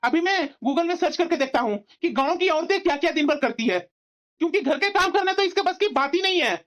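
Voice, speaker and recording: Short-tempered young husband. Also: female voice, extremely high pitch, lively intonation, fast. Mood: angry. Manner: snappish, scolding. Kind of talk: cartoon voice acting.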